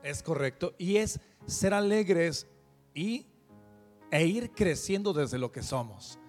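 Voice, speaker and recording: Fervent man hosting, bright pitch. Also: animated, takes it slowly, faint music behind. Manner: fervent, preachy, addresses viewers directly. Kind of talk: earnest spoken commentary.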